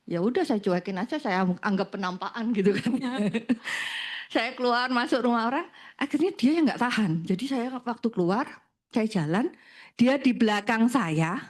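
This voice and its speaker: A woman with a fairly high voice tells her stories in an animated, conversational way. She is a financial planner speaking as a guest. Her delivery is chatty and expressive, with frequent laughter. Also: moderate pace. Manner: animated anecdotes, laughs often. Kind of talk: conversational storytelling.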